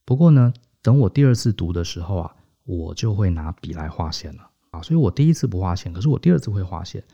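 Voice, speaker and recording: Gravelly deep-voiced man explaining. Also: sing-song, fast talker, warm tone. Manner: patient step-by-step explaining, peppered with "hao" and "ha". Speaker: podcast co-host. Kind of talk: casual explanatory podcast talk. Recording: dull lo-fi podcast audio.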